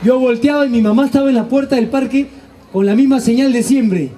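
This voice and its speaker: Lively comedian with a high, mellow voice. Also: male voice, fairly quick, some chatter behind, slight background noise. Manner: animated storytelling, acts out family voices. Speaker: stand-up comedian. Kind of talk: stand-up comedy monologue. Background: audience laughter.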